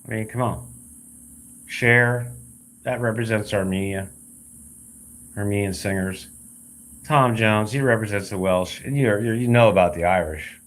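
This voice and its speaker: A man's voice: fairly low pitch, a little slow, pauses often. A man talking in a blunt, rambling, repetitive way in a casual vlog rant, recorded outdoors by a road. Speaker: realtor vlogger.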